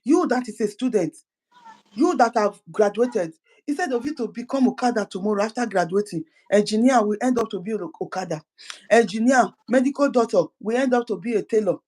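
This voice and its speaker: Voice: mid-range voice, expressive, a little fast, a little mellow, low-quality recording. A speaker gives an impassioned political address as an activist, fervent and full of repeated words and restarted phrases.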